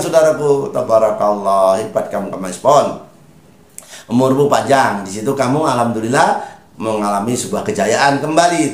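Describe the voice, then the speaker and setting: A man preaching religious advice in a lively, emphatic way, often calling his listeners brothers. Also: fairly low pitch, roomy sound. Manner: preachy, repeatedly addressing listeners as brothers, rising emphatic calls. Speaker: spiritual advisor on Javanese birth days.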